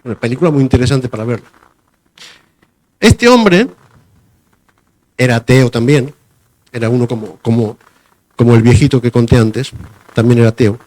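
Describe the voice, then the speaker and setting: A man's voice: mid-range voice, moderate pace, pauses often, darkish tone. A man giving a sermon in a conversational way, often repeating phrases and stopping to search for words. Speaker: preacher.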